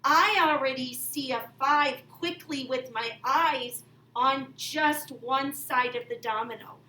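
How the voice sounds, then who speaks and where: Speaking slowly in a high-pitched, pushed, bright voice, a woman who teaches elementary math walks children through a game one step at a time, exclaiming like a kids' show host. The sound is echoey and faintly noisy, picked up from a distant mic.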